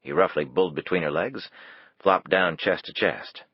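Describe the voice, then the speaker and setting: Low, husky male narrator, measured scripted reading, dry and muffled recording. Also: dry recording. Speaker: audiobook narrator. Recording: dull, dry, lo-fi.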